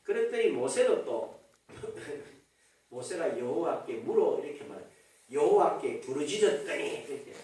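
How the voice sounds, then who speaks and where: Male pastor, animated sermon with wide pitch swings, heard from afar in a booming church hall. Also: a little slow. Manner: animated preaching with rhetorical questions to the congregation. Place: church sanctuary. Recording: echoey hall, voice from a distance.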